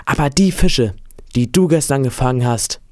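A man's voice: mid-range voice, normal speed, darkish tone, no room sound, clean studio sound, voice pushed up, close to an everyday voice. A man doing a chatty beach-café owner.

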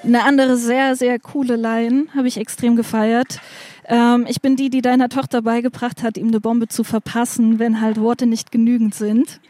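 A woman's voice: fairly high pitch, flat delivery, moderate pace, dark tone, dry recording. Rambling young woman interviewer, dry sound. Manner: rambling, many fillers and hedging words. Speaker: podcast host interviewing a musician. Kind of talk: casual interview chat.

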